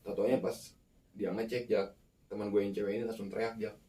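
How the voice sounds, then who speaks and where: A man telling a ghost story in a casual, animated way, acting out the people in it. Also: a little fast. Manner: animated, acts out the quoted people with sharp jumps in pitch. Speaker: guest storyteller. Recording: roomy, mic far off.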